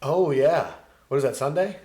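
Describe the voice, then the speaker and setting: A man's voice: a little high, normal speed. A young man co-hosting a casual podcast chat, joking and telling stories. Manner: joking, storytelling, animated. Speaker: podcast co-host.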